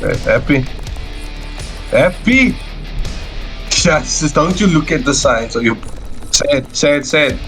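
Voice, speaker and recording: Playing a co-op game with a friend, a man with a mid-range voice chats casually and unhurriedly as faint music plays behind him. He's playful, laughing, teasing and shouting out moves.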